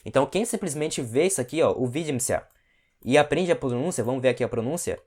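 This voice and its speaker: A man teaching an online language lesson. He explains patiently, checks in often with his listeners, and slows down to model each word. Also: mid-range voice, lively intonation, a little mellow, husky.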